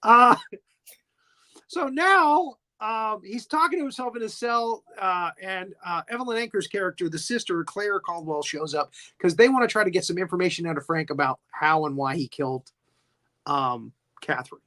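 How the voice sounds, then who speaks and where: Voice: medium pitch, animated, moderate pace, pushed and bright. A podcast host giving a casual movie recap, chatty and giggly, full of asides.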